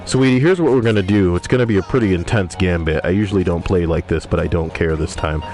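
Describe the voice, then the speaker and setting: A young man streams a game and talks fast in a low, somewhat mellow voice. Reading viewers' messages aloud, he jokes with crude, profane banter in casual livestream chat, backed by music.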